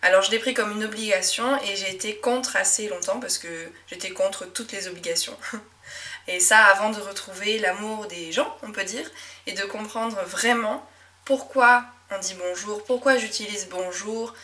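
Young french teacher lady w a médoc accent, reflective chatty monologue, bright voice, bit far from the mic. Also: medium pitch, moderate pace. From southwest France. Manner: reflective, frequent euh fillers and soft laughs. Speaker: French teacher and podcast host. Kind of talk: casual personal monologue.

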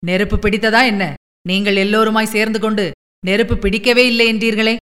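Woman doing a loud, blunt village farmer. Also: mid-range voice, level tone, fairly quick, close to an everyday voice. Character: plain-spoken adult male village farmer.

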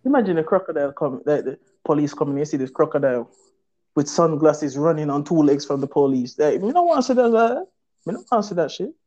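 A man's voice: on the high side, fast talker, muffled recording. Profane Jamaican man telling stories. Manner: profane, animated patois storytelling with acted-out quotes. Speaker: storyteller. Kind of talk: casual storytelling chat.

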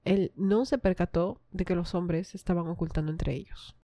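A woman's voice: fairly low pitch, steady tone, normal speed, dark tone, no echo, clean studio sound. A woman retelling a myth in a casual, chatty way, with asides to her listeners. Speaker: storyteller.

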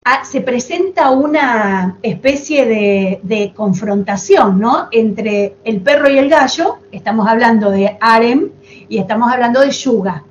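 A chatty woman hosts the conversation, spinning stories with fond little asides. Her voice sits fairly high. The recording is a bit dull, with a faint hiss underneath. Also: measured pace. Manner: chatty, affectionate, animated storytelling with asides. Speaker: podcast host. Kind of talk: casual chat.

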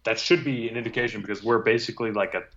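A man's voice: lowish voice, racing, a bit bright, highs cut off, a little hiss or hum. A man griping and swearing freely in casual chat as a guest on a fantasy sports talk show. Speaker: guest fantasy football league member.

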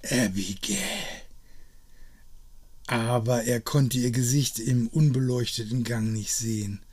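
Male narrator, slow and husky, dry wry tone, scripted storybook reading. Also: medium pitch, steady tone, a little mellow.

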